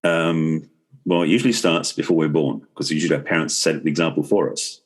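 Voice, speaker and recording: A middle-aged man appears as an expert guest on a podcast, explaining things conversationally and rephrasing as he goes. His voice is very low and noticeably husky, and he talks fast.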